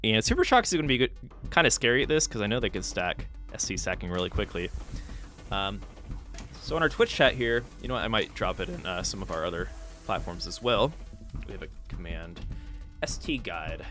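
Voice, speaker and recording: A man's voice: on the low side, sing-song, brisk, sharp tone, soft background music. A man hosting a live stream, casually commentating game matches and chatting with players, thinking aloud with fillers. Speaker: stream host and match caster.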